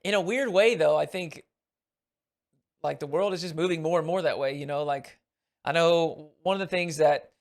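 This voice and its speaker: American man, podcast host, higher-pitched, reflective conversational tone. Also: moderate pace. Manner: thoughtful, reflective musing. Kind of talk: casual podcast chat.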